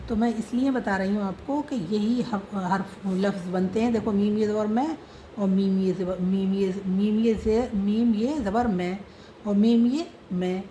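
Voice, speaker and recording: A woman's voice: medium pitch, a little slow, mellow, a little hiss or hum, low-quality recording. A woman teaching how to read and write a script, spelling out letters and sounds patiently. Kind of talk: slow script lesson.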